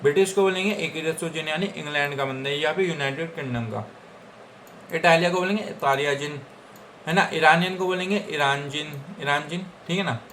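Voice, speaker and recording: A young man from India runs through Japanese vocabulary in a casual Hindi lesson. His voice sits a little high, and he repeats every word several times with frequent check-ins. A faint background noise stays under his speech. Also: a little fast, sharp tone. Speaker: Japanese language teacher.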